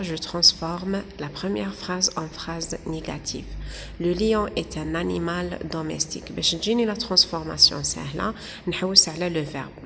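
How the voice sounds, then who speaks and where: Algerian woman teacher, lowish gravelly voice, slow French dictation, quick Arabic asides. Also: bright, forceful tone, long reverb tail, slight background noise. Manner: reads French sentences slowly, explains briskly in Algerian Arabic. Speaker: primary school teacher. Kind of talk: exam-prep lesson.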